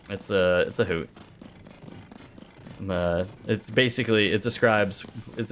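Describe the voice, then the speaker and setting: A man's voice: on the low side, a bit bright, slight background noise. A man in his thirties chatting casually while streaming a game, rambling, muttering to himself, laughing and swearing now and then. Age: 30s. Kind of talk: casual livestream chat while playing.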